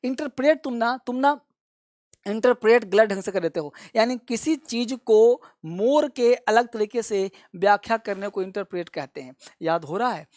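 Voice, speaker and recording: A man's voice: high-pitched, moderate pace, a little mellow, no echo, studio quality. A male English vocabulary teacher who gives a classroom-style lesson, repeats each word and has his students say it after him, and calls them his children. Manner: addresses viewers fondly as children.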